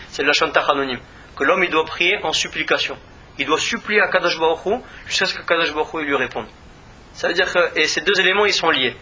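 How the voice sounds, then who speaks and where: Male rabbi type, earnest teaching voice, very bright timbre, broadcast feel. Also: on the high side, a little hiss or hum. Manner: earnest, repeats words when searching. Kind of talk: religious lesson.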